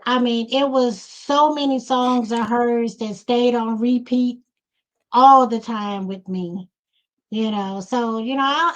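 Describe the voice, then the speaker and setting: A woman's voice: on the high side, a bit bright. A woman hosting a podcast interview in a loose, casual way, leaning on "you know" fillers, speaking over a video call. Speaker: podcast host.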